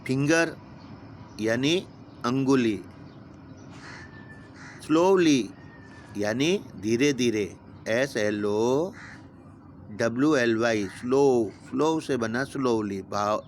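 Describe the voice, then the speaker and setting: A man's voice: mid-range voice, takes it slowly, a little hiss or hum. A man teaching a vocabulary lesson to young pupils, patiently spelling each word letter by letter and giving its meaning. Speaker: school teacher.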